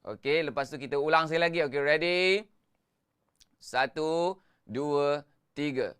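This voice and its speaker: A man's voice: a little high, measured pace, fairly bright tone, clean tone. A Malaysian man teaching Quran recitation live, coaching with repeated instructions, counting in, and chanting the verses melodically. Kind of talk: live-streamed tajwid lesson.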